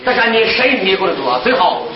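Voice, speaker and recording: A man's voice: high-pitched, very animated, fast talker, a crowd in the background. A man teaching as an imam, asking the listeners rhetorical questions and chanting Arabic prayer phrases. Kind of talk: religious teaching talk. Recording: roomy, distant, dull lo-fi recording.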